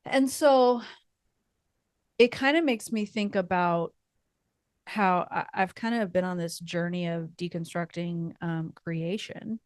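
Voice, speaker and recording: Slow, unhurried woman podcast host. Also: on the low side, steady tone, no echo, clean studio sound. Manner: thoughtful, meandering, with fillers and soft laughs. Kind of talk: casual faith podcast chat.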